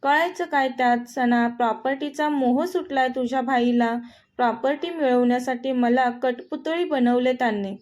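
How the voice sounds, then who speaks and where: A woman's voice: sits high, normal speed, darkish tone, close to an everyday voice. Woman reading as a tearful, bitter young wife. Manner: bitter, complaining. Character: young wife, tearful and furious at her husband. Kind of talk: storybook reading.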